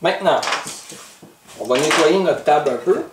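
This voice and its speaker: A man's voice: fairly high pitch, animated, normal speed, distant mic, background noise. Québécois man hosting a kids' cooking lesson, teasing and patient, recorded from afar in an echoey room. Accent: Québécois French. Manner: playful, teasing, patiently instructive. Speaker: host of a kids' cooking show.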